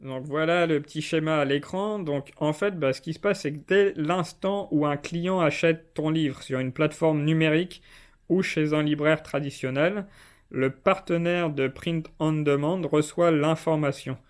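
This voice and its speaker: A man talks through his topic in a relaxed, chatty vlog, addressing the viewer directly. His voice sits a little high and comes across smooth and clear. He was recorded indoors. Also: moderate pace. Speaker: self-publishing video host. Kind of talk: casual explainer vlog. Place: indoors, not at home.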